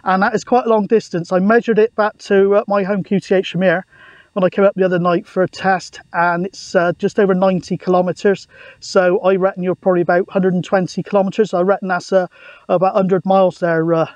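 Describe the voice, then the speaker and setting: Outdoors on an open countryside hillside, a middle-aged vlogger and CB radio operator chats casually to the camera and over the radio. His high-sitting voice is flat and fairly quick, and the dry recording sounds dull.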